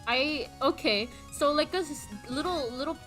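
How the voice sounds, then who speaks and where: A woman's voice: high voice, normal speed, a bit bright. A young adult woman live streamer chatting casually in a rambling, self-deprecating, slangy way. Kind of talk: casual livestream chat. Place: indoors, solo at a computer on a voice call setup. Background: background music.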